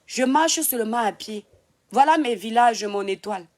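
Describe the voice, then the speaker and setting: A woman's voice: a little high, lively intonation, moderate pace, darkish tone. Cameroonian woman scolding viewers, laughing. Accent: Cameroonian French. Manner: teasing, scolding and laughing at a critic. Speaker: live-stream host. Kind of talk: casual live-stream talk to viewers. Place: home in Europe.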